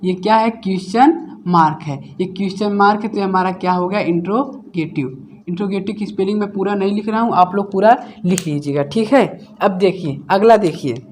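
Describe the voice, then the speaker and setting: A man's voice: high voice, darkish tone, a little hiss or hum. A man teaching a grammar lesson, who keeps asking himself questions, answers them, and repeats the key words. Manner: slows to dictate example words one at a time. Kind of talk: classroom-style grammar lesson.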